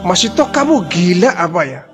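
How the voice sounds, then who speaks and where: A man's voice: big pitch swings, moderate pace, over music. A man playing an arrogant furious Pharaoh. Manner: shouting, raised-pitch threats.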